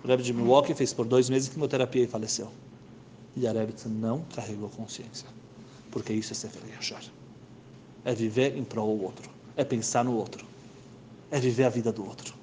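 A man telling a moral story as a religious teacher. He is earnest, repeats words for weight, and his voice sinks softly at the ends of phrases. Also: medium pitch, fairly even intonation, fairly quick, a little hiss or hum. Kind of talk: storytelling sermon.

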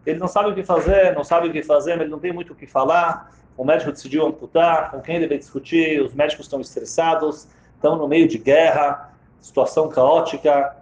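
A man's voice: a little high, steady tone, fast talker, darkish tone. A man telling a story in a dramatic sermon, emphatic and repeating key phrases for weight. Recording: roomy, slightly dull sound.

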